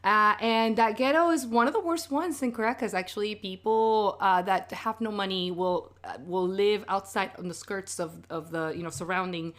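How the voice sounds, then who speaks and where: A woman's voice: medium pitch, steady tone, normal speed, few pauses. A woman from Venezuela with a Venezuelan Spanish accent, a native Spanish speaker, talking animatedly as a podcast guest and laughing often. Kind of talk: casual chat. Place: podcast recording.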